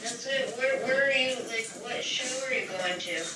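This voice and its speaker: A woman's voice: a little high, moderate pace. A woman chatting casually on a phone call, heard over a speakerphone, talking loosely and swearing offhandedly. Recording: echoey, distant speakerphone with background noise.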